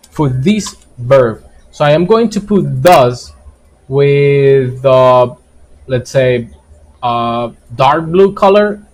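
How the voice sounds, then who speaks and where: Male teacher, slow and patient, higher voice, repeats points and checks in constantly. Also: a little mellow, rough recording. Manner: explains slowly, repeats key points and keeps checking with "right?". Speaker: English teacher. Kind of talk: live online grammar lesson.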